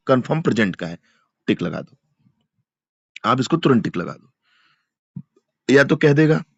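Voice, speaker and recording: Male teacher, mid-pitched, explains patiently for exam prep, dull dry lo-fi recording. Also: no echo. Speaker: English teacher. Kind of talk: exam-prep grammar lesson.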